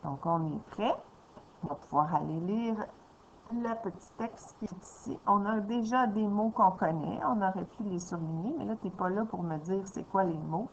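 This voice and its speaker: A woman, a teacher walking a young child through a reading lesson slowly and patiently, step by step. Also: mid-range voice, a little hiss or hum. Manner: slow, patient, explaining step by step. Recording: dull lo-fi sound with faint ambience.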